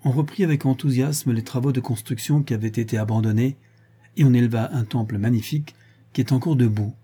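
Male audiobook narrator, very dark husky tone, measured storytelling. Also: mid-range voice. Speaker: audiobook reader. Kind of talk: scripted narration.

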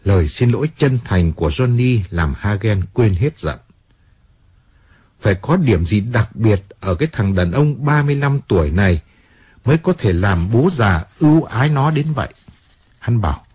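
A man narrating a translated novel as an audiobook, with expressive storytelling. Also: fairly low pitch, breathy edge, no echo.

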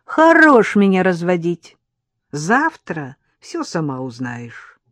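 A reader voicing a stubborn, secretive young maid who snaps and teases in drawn-out, raised phrases, in an audiobook. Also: medium pitch, wildly swooping pitch, a bit bright, no echo, full character voice. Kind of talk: audiobook character voice.

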